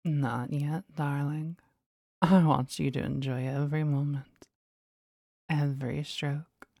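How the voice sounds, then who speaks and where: A woman speaking in a soft, teasing and commanding whisper for an intimate ASMR roleplay. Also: deep voice, steady tone, takes it slowly, gravelly, dry recording, studio quality.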